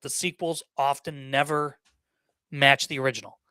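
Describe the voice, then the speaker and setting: A man's voice: medium pitch, little pitch movement, normal speed, sharp tone, clean tone, no echo. A man guesting on a sports podcast, giving opinions in casual chat, often repeating words and using fillers.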